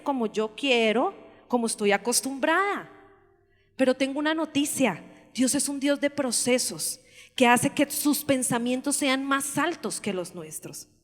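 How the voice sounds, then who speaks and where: A Colombian woman pastor preaching a sermon in a lively, animated storytelling way. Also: sits high. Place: church. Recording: long church-hall reverb.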